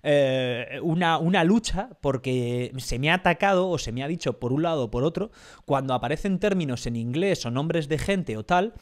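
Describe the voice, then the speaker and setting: A man's voice: on the high side, animated, moderate pace. A man from Spain hosting a podcast, speaking with a Spain Spanish accent in casual chat, rambling through many fillers and restarts. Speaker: podcast host.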